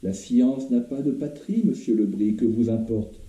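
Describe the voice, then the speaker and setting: A man's voice: mid-range voice, moderate pace, mellow, natural voice. A man voicing a young doctor who speaks in a soothing, solemn, courteous way. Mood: reassuring. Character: calm reassuring young male doctor. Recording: roomy, dull lo-fi recording.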